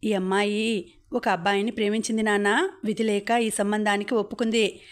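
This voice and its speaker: A woman's voice: medium pitch, little pitch movement, normal speed, close to an everyday voice. A woman reading as an earnest young groom. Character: young man, sincere, soft-spoken groom.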